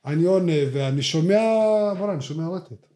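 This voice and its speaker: Young man, slightly high voice, slangy, rambling, lots of fillers, podcast co-host. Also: warm tone. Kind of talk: casual chat.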